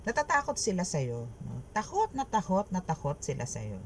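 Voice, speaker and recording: A tarot reader, giving a reading in an expressive, chatty way, mixing Tagalog and English and tagging phrases with a questioning "no?". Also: medium pitch, moderate pace, a little hiss or hum. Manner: mixes Tagalog and English, keeps adding "no?" after phrases; expressive, laughing and exclaiming.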